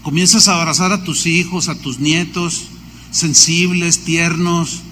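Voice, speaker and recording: A Mexican pastor preaching in a large church hall, his voice high and bright. He stacks up lists and tells stories with lively energy. The hall's long reverb carries over a faint hum of background noise. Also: measured pace. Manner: animated preaching with lists and storytelling asides. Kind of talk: sermon.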